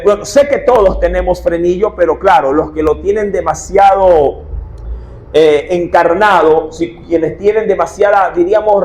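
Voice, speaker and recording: A man's voice: high voice, a little mellow, poor audio. A man, preaching a sermon as pastor, firing rhetorical questions at his congregation. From Ecuador.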